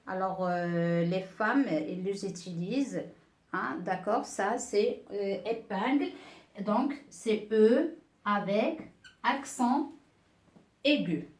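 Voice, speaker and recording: A woman teaching a beginner French lesson, speaking slowly and patiently, repeating each word and checking that pupils follow. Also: mid-range voice, darkish tone, reverberant. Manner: slow, patient, repeats words and checks with "d'accord?".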